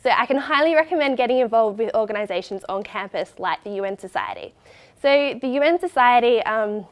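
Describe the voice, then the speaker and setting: A woman's voice: fairly high pitch, lively intonation, fairly quick. A young Australian woman in her twenties, a recent graduate, speaking at an open day with a nasal voice from a cold, chatty with many fillers. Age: 20s. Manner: chatty, with many "um" and "you know".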